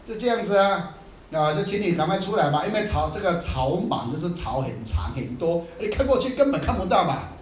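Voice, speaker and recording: Guy with giving a buddhist talk, kinda high voice, echoey room w faint hiss. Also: brisk. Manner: animated, acts out quotes in dialect. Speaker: Buddhist teacher. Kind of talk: dharma talk.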